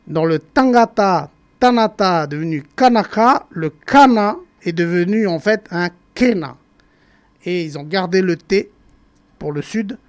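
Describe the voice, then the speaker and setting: Talking about how words changed, this broadcast language presenter from the Marquesas Islands proceeds deliberately, stopping often to search for words and saying the examples more than once. The voice is mid-range and somewhat dark in tone.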